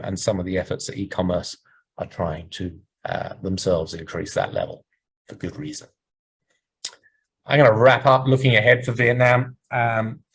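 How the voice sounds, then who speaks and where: A man giving a business presentation and answering questions over a video call, speaking in a measured, explanatory way while losing his voice. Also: on the low side, slightly rough, rough recording. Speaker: presenter at a market research webinar.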